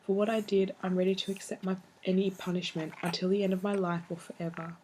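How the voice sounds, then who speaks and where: A woman's voice: medium pitch, flat delivery, fast talker, a little mellow, low-quality recording. A woman reading a heartfelt love letter aloud in a tender, earnest way, with some background noise.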